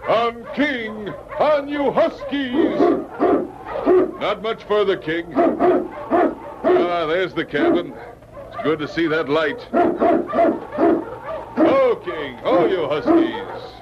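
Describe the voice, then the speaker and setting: An actor playing a steady, genial Mountie sergeant with an authoritative manner in an old-time radio drama. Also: male voice, high voice, drawn-out words, pauses often, heavily acted. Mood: rousing, calling out. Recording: muffled, noisy old radio recording.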